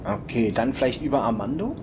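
A man's voice: medium pitch, big pitch swings, fairly quick, background noise. A man thinking aloud while playing an adventure game, musing and chuckling as he goes. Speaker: let's play commentator. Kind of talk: casual gameplay commentary.

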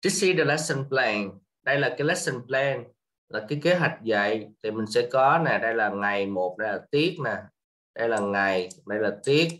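A man with a Vietnamese accent teaching English to children, switching between Vietnamese and slowly repeated English words for the kids to copy. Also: medium pitch, fairly bright tone. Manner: slow drawn-out repetition of English words.

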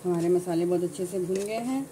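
Woman talking you through a recipe step by step, low mellow voice, faint sizzle behind. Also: brisk, a little hiss or hum, rough recording. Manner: calm step-by-step instructions. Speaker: cooking channel host. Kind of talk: cooking tutorial voice-over.

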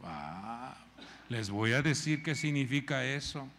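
Man, pastor, high lively voice, gravelly edge, unhurried, long church reverb. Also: slight background noise. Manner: animated preaching, acts out characters' voices, calls on congregation to repeat phrases. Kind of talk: sermon. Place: church hall.

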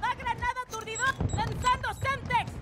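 High-pitched urgent soldier. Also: male voice, level tone, moderate pace, noisy background. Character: alert male soldier calling out enemies in battle. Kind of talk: military shooter game callouts.

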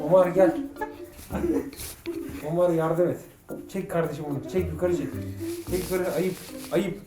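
A man vlogging in a joking, animated way, talking to his viewers. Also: fairly high pitch, normal speed, over music. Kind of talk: comedic vlog.

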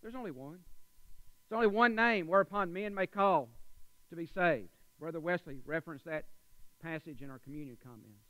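A male preacher with a Texan accent, delivering a folksy sermon to his church that climbs to loud, emphatic high points. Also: normal speed, dry recording, poor audio. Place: church sanctuary.

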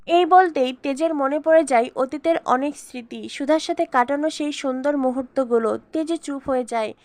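Woman narrator, high voice, steady scripted recap, dry recording. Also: normal speed, no room sound.

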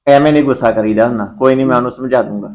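A patient young husband, played by a man who keeps the peace with quick, placating words in a web drama. He speaks fast in a roomy, echoing room. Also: mid-range voice, lightly acted. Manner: calm, placating. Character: patient young husband soothing mother and wife.

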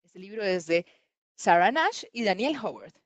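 A woman reading a story aloud to children on a livestream from home, animated and playful, talking straight to the kids. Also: medium pitch, normal speed, dry recording.

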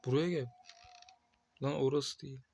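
Gravelly young man reacting to a game. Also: medium pitch, moderate pace. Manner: excited outbursts and swearing at the game. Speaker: gameplay streamer. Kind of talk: casual gameplay commentary.

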